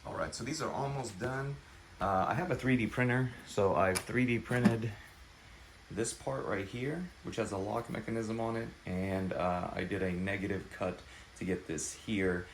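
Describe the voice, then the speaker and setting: A man with a fairly deep voice walks through a do-it-yourself project. He talks casually, like a hobbyist showing his work. Background noise is clearly audible in the recording. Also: steady tone, moderate pace. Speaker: hobbyist maker and vendor showing a DIY build. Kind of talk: casual spoken build walkthrough.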